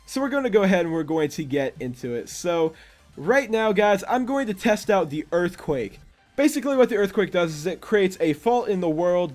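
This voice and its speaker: A man's voice: high-pitched, darkish tone. A young man casually walking viewers through a game creation, chatty and often stumbling over his words. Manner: chatty, stumbles and restarts, self-correcting. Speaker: gaming YouTuber. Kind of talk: casual gameplay walkthrough.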